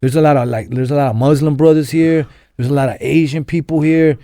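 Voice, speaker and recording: In a studio-quality recording with no room sound, a young man from Los Angeles guests on a podcast and tells his story casually. His fairly high, steady, mellow voice moves briskly, though the telling rambles with fillers and restarts.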